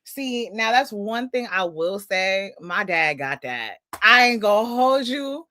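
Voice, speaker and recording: A woman's voice: mid-range voice, takes it slowly. A woman in her twenties co-hosting a podcast, chatting casually and acting out dialogue as she tells stories. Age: 20s. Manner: animated storytelling, acts out dialogue. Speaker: podcast co-host. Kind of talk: casual chat.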